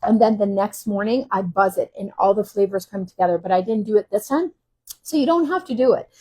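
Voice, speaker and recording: A woman's voice: medium pitch, brisk, mellow, breathy edge. A woman hosting a casual cooking demo, chatting in a rambling way with frequent ums. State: teary from cutting shallots. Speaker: cooking channel host. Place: kitchen while traveling.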